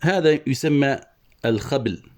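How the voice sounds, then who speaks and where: A man teaching an online lesson on poetic meter, methodically explaining the verse and slowly spelling out each syllable. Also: mid-range voice, expressive, a little mellow. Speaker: Arabic prosody teacher.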